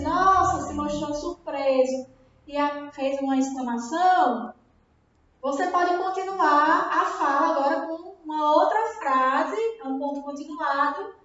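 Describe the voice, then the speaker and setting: A woman's voice: high-pitched, a bit bright. A woman with a Brazilian Portuguese accent, teaching a grammar lesson and often checking understanding with tag questions. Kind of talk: recorded classroom lesson. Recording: very echoey room, dull sound.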